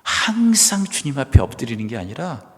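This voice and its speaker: A man preaching a sermon as pastor, swinging from loud cries to hushed, whispered asides. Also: medium pitch, sing-song, normal speed, big-room sound. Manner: dramatic shifts from loud exclamation to hushed whisper. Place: church sanctuary.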